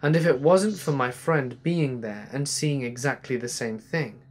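A man reading a first-person ghost story aloud in a steady, measured storytelling manner. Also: mid-range voice, slight background noise.

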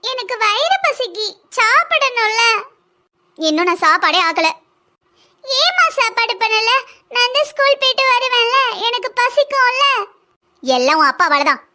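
A woman's voice: extremely high pitch, sing-song, a little slow, bright, forceful tone, pitched above the performer's own voice, heavily acted. A woman voicing a hungry young schoolgirl in a cartoon, with a southern Tamil accent and a whiny, insistent way of talking. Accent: southern Tamil (Kanyakumari-Tirunelveli). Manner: whiny and insistent, with a tearful edge. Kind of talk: cartoon voice acting.

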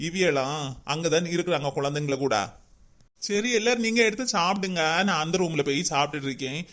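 A man's voice: a little high, lively intonation, fast talker, fairly bright tone. A man voicing a fussy, caring auntie who herds the kids in a cartoon. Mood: chatty. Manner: fussing, calling the kids along. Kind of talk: cartoon voice acting.

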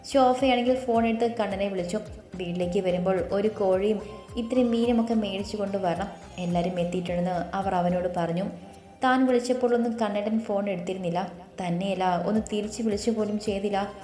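A woman narrating a story in a calm, even storytelling voice. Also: mid-range voice, brisk. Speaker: audiobook narrator. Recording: roomy echo with faint music.

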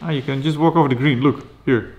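A man, chatting casually and playfully as he plays a game, excitable and teasing. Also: mid-range voice, fast, highs cut off. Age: 40s. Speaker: host, father playing a game with his child. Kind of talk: casual gameplay chat.

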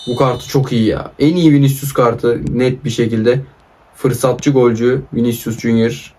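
A young man giving chatty, excitable commentary over his own football video game match as a gaming YouTuber. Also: medium pitch, unhurried, slight background noise.

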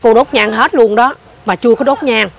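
Older woman, fairly high voice, chatty and animated, bit of outdoor noise. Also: a little fast, vocal fry. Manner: animated, repeats herself, points things out. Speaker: interviewee telling a ghost story. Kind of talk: casual storytelling.

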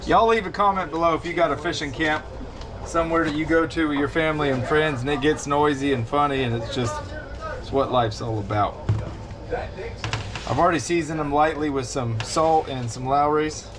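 A man's voice: on the high side, moderate pace, noisy background. A man in his twenties hosting a casual cooking vlog at a fishing camp, chatty and teasing. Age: 20s. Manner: chatty, teasing, laughing often. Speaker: vlog host.

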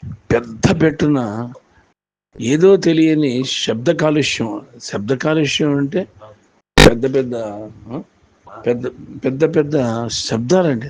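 A man retelling an event in storytelling commentary, animated and full of repetition. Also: medium pitch. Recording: dull lo-fi with faint noise.

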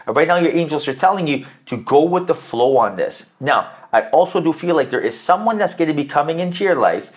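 A man's voice: expressive, a little fast, hardly any pauses. A man giving a spiritual tarot reading, coaching the listener earnestly and often tagging his points with "right?". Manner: earnest, coaching tone with frequent "right?" tag questions; acts out quoted inner voices with jumps in pitch. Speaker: tarot reader.

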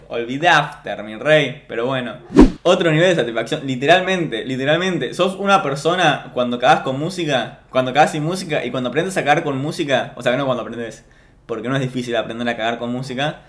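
A man's voice: fairly high pitch, fairly bright tone. A man with an Argentine accent, a streamer chatting casually and ranting jokingly to his chat. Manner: joking, mock-boastful rants to chat. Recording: roomy echo.

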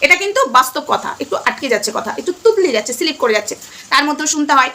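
Brief: middle-aged Bengali-accented woman vlogger, bright tense voice, faint background hiss. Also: high-pitched, sing-song, very fast. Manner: emphatic, repeating "ঠিক আছে?". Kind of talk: casual talk to viewers.

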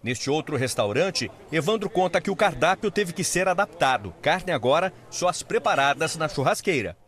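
A man reporting for television news in a measured, steady scripted delivery. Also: a little high. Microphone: handheld microphone.

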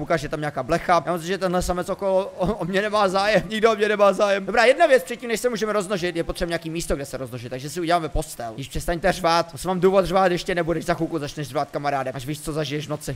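A young man giving excitable, joking let's play commentary, breaking into sudden loud exclamations. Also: fairly high pitch. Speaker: gaming youtuber.

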